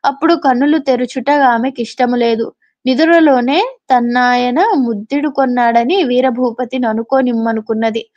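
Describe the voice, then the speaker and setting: A woman with a darkish, fairly high voice and fairly even intonation reads an old literary novel aloud at normal speed, like a storyteller. She pauses now and then to explain things in plain talk, and the recording sounds dull and lo-fi.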